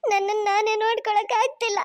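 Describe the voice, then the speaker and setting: A woman's voice: very high voice, a little fast. A woman voicing a vain, dramatic young wife in a cartoon, wailing and protesting tearfully. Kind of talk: cartoon voice acting.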